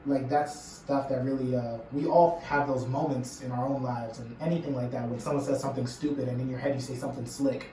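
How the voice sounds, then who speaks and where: A man's voice: mid-range voice, steady tone, fairly quick, hardly any pauses, recorded from a distance, crowd noise. A young man, the host's boyfriend, jumping in eagerly to explain things at length. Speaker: boyfriend chiming in. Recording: echoey room, off-mic, faint hiss.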